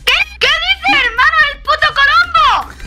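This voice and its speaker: A woman's voice: extremely high pitch, measured pace. A woman gamer trash-talking brashly, swearing and mocking, in casual banter. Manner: brash, swearing, mock-tough trash talk. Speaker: gamer being pranked. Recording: echoey with loud music underneath.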